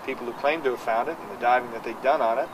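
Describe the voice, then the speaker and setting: A man's voice: medium pitch, very fast. A man, a scuba diver, explaining things matter-of-factly in a casual outdoor interview. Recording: distant outdoor mic with noise.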